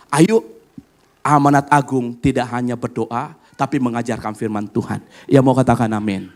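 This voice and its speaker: A middle-aged man preaching a sermon as pastor, lively and acting out family conversations while addressing the congregation directly. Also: mid-range voice. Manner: animated preaching, acts out family dialogue, addresses congregation as "saudara".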